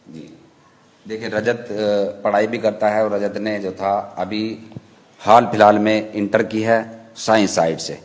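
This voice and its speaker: Low-voiced man explaining his film project. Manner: explanatory, gives quick instructions to a helper. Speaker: filmmaker presenting his animated film. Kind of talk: casual on-camera talk.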